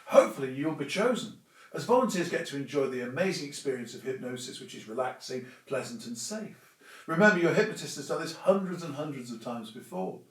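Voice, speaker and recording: A man with a fairly high voice talks informally and instructively, like a presenter giving practical advice. His delivery is conversational but emphatic. The recording is echoey, with the microphone some way off. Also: sing-song, fast talker. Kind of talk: informal explanatory talk to camera or audience. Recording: echoey room, distant microphone.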